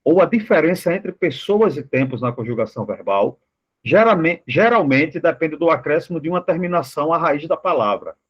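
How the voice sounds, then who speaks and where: A man's voice: on the high side, lively intonation, normal speed, husky, muffled recording. A man with a Brazilian Portuguese accent, a student reading a lesson text aloud steadily in an online class.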